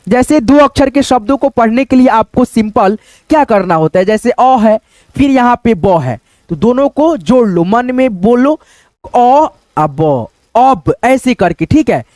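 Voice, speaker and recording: A man's voice: very high voice, lively intonation, a little mellow, no echo. A man teaching beginners to read Hindi, sounding out letters and words syllable by syllable and often checking in with his viewers. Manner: slow, drawn-out syllable-by-syllable sounding out, repeating each word; keeps addressing viewers as friends, checking with tag questions. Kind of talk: online Hindi lesson for beginners.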